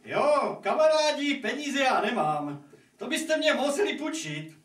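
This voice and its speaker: A man's voice: extremely high pitch, sing-song, a bit bright, full character voice. Man voicing a hapless, good-hearted puppet hero, echoey. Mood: easygoing. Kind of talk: puppet theatre fairy-tale acting. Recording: echoey room, distant microphone, noisy.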